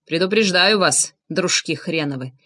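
A woman's voice: on the low side, normal speed, pushed and bright. A woman reading an audiobook, voicing a brutish, treacherous man who growls sneering threats.

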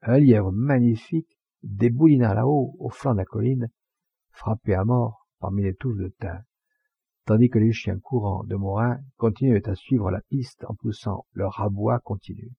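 A man reading a classic novel aloud as an audiobook narrator, in measured, steady storytelling. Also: fairly low pitch, gravelly, breathy edge, no echo, highs cut off. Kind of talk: scripted literary narration.

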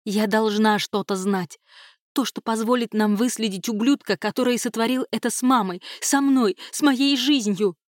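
A raised, strained voice of a grieving young woman hurling accusations through tears, as a woman reading a novel puts her on. The sound is dry and close, with a lifted pitch. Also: moderate pace, no echo, natural voice. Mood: furious, tearful. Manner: shouting, tearful, accusing. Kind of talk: audiobook character voicing.

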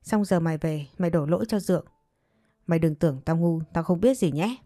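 A woman's voice: fairly low pitch, a little fast, mellow, no room sound, studio quality, natural voice. A woman reading the lines of a harsh, accusing middle-aged mother in a storybook narration, in a coarse and contemptuous manner. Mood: scornful.

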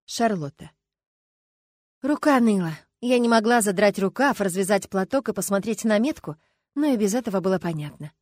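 Woman narrator, expressive first-person audiobook read, close dry recording, mid pitch. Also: normal speed, no room sound.

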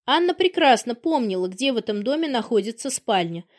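A woman narrating an audiobook with an even, storytelling delivery. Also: a little high, a little fast. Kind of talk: scripted narration.

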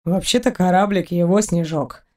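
A woman voicing a gruff, cocky male space pirate in an audiobook, drawling and teasing. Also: lowish voice, normal speed, darkish tone, close to an everyday voice. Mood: unbothered. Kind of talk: audiobook character reading.

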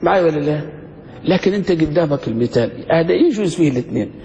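A man teaching a grammar class, his voice a little high. He keeps asking the students questions and draws the examples out slowly. The recording is dull and lo-fi, with a long reverb trailing each phrase. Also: animated, warm tone. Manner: asks students questions, slows to spell out examples. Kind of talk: classroom lesson.

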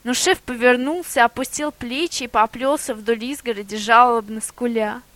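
A woman narrating a storybook in an expressive reading voice. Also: fairly high pitch, normal speed, dry recording.

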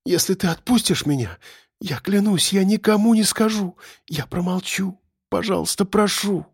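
Give me a man playing a terrified young woman, pitched up high, pleading through tears, in a dry recording. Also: animated, normal speed, darkish tone, no echo. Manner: tearful, pleading, high and strained. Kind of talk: audiobook character voice.

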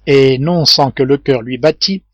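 Measured man reading a classic novel. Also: mid-range voice, a bit bright, no echo, dull audio. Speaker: audiobook reader. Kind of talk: scripted narration.

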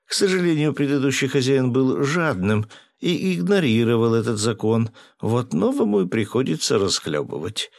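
A smooth, falsely polite foreman from an audiobook sounds a touch higher than the narrator, as a man plays him. He speaks with mock regret, and the recording is dry and close. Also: no echo. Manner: overly polite, sly.

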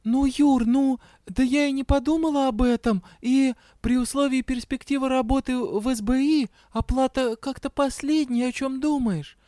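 A man's voice: very high voice, steady tone, moderate pace, hardly any pauses, warm tone, no echo, studio quality, voice pushed up. A man voicing a flustered young female student detective who answers defensively and indignantly.

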